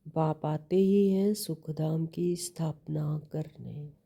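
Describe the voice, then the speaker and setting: A woman gives a devotional sermon in a low, dark, mellow voice. She speaks slowly and patiently, repeating key phrases. She poses rhetorical questions as she explains a scripture reading. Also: steady tone, husky. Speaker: spiritual teacher explaining a daily scripture reading.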